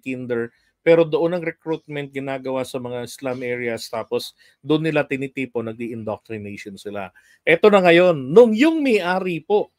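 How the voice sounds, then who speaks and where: Higher-voiced man telling stories. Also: dry recording, clean studio sound. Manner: chatty storyteller, laughs often. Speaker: political commentary host. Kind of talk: casual livestream commentary.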